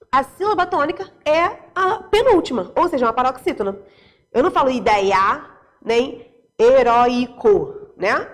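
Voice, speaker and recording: A woman teaching a recorded school Portuguese lesson with a Brazilian accent, explaining in a lively way and asking rhetorical questions. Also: high-pitched.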